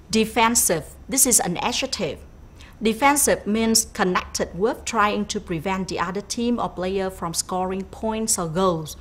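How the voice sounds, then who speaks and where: A woman with a Vietnamese accent leads a televised English lesson at a mid pitch. She pronounces the English words slowly and with care, then explains them at a quicker clip. A faint hum sits under her voice. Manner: slow clear English drills, quicker asides. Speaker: English teacher. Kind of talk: bilingual classroom lesson on TV.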